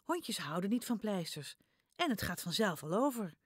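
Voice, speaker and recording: A woman voicing a calm, reassuring mother in a children's storybook reading. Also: medium pitch, moderate pace, slightly rough, no room sound, studio quality.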